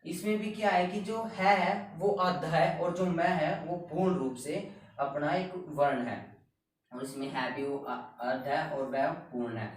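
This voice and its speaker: Man, grammar lesson, slow step-by-step explaining, strongly echoing room. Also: fairly high pitch, a little hiss or hum. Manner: explains step by step, repeats words slowly. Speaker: Hindi grammar teacher. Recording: very echoey room, voice a bit far from the mic.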